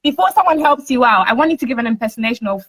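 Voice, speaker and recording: A woman's voice: fairly high pitch, expressive, rapid-fire, fairly bright tone, husky, poor audio. A woman hosting a casual online interview. She is upbeat, laughs often and keeps urging the audience to join in. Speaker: host.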